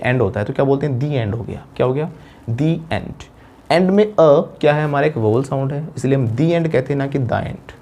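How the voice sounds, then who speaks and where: Male English grammar teacher, Indian accent, warm mellow tone, slightly higher pitch, patient explaining manner with rhetorical questions. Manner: explains step by step, asks rhetorical questions, slows for English examples. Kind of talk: classroom-style grammar lesson.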